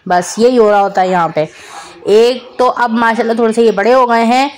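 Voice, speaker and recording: A chatty woman talks over her home vlog footage as a mother. Her voice sits a little high, and she repeats herself in a fond, teasing way. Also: normal speed. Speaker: vlogger, mother. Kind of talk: casual voice-over narration.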